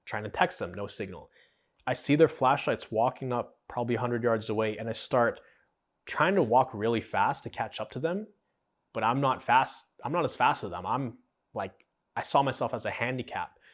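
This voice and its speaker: A man's voice: medium pitch, expressive, moderate pace. A young man hosting a podcast, telling his own story in an earnest, conversational way and acting out the dialogue. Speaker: podcast host. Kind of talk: personal storytelling.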